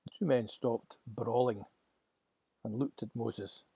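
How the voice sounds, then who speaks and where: Male storybook narrator, dark, husky, dramatic, dry close sound. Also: medium pitch, steady tone, slow, dry recording.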